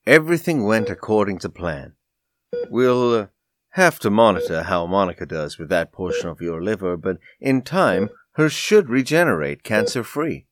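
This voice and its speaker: A man's voice: fairly low pitch, expressive, normal speed, close to an everyday voice. A man voicing a cheerful male surgeon with breezy, joking bedside talk.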